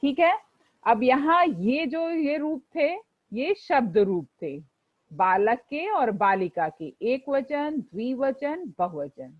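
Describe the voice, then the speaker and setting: A woman's voice: sits high, very animated, slow, highs cut off. A woman teacher explaining a textbook lesson to pupils, patiently going over each exercise and reciting word forms for them to repeat.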